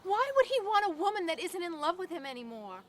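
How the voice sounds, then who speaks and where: An actress playing a practical, level-headed film crew member who talks calmly and persuasively. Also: female voice, very high-pitched, quick pace, a little hiss or hum.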